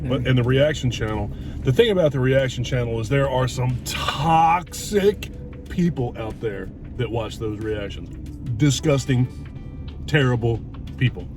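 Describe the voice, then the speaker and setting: Music plays beneath a mid-range male voice with lively intonation, a little slow and captured from afar. He's a middle-aged vlogger talking over food to his camera and companion, blunt, reflective and occasionally profane.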